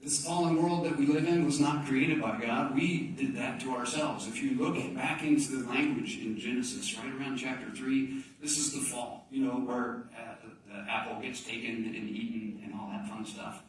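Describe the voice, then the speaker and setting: A man's voice: mid-range voice, fairly even intonation, normal speed. A male pastor delivering a sermon in a church, his voice rising with emphasis and falling to near whispers as he acts out quoted pleas. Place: church sanctuary. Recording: very echoey church, mic at a distance.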